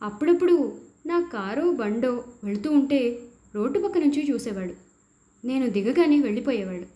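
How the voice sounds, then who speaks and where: A woman reads a first-person story aloud, letting her high voice rise and fall across a wide range. The tone stays mellow and warm as the tense passages build. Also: expressive, normal speed. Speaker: narrator. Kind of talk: storybook narration.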